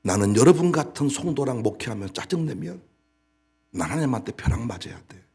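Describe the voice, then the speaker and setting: A man preaching a sermon as pastor, scolding and exhorting his congregation, shifting between loud bursts and low asides. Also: sing-song, brisk, vocal fry, breathy edge.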